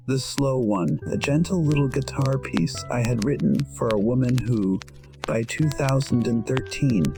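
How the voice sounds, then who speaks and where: A man plays a wistful 62-year-old musician narrating his own life in scripted first-person storytelling. His mid-range voice is reflective, dryly wry and measured, and soft instrumental music plays behind him on a poor-quality recording.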